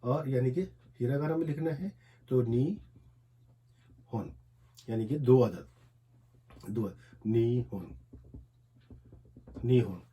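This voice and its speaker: A man with an Urdu accent teaching a language lesson, explaining as he writes and repeating each word slowly, syllable by syllable. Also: mid-range voice, warm tone. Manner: repetitive, drills words slowly one syllable at a time. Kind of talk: explaining a lesson while writing on a board.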